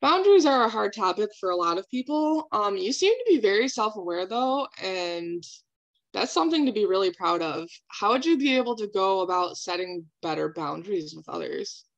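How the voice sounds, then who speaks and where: A woman speaking as a calm therapist in a counseling role-play, validating and asking reflective questions. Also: mid-range voice, moderate pace, lo-fi sound.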